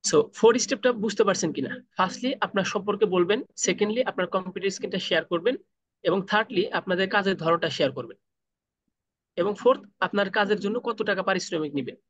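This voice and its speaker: A man teaching freelancers in an online class, asking the class questions and then answering them himself, with slow, deliberate English phrases mixed in. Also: high-pitched, a bit bright, dry recording, highs cut off. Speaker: freelancing trainer. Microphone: video call.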